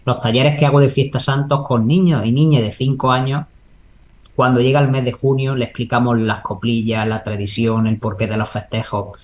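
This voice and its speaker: A man's voice: mid-range voice, level tone, normal speed. A man answering in a spontaneous interview, earnest and discursive, often adding tag questions to seek agreement. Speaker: local interviewee, Holy Week proclamation speaker. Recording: noticeable background noise.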